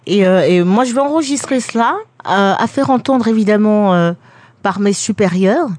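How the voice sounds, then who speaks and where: A woman making a prank phone call from a radio studio, posing as a formal recruiter and pressing her requests with a deadpan tone. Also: mid-range voice, moderate pace.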